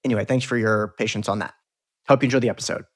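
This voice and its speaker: A man's voice: fairly low pitch, steady tone, racing. Upbeat male podcast host. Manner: upbeat, promotional and friendly. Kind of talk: podcast intro and interview.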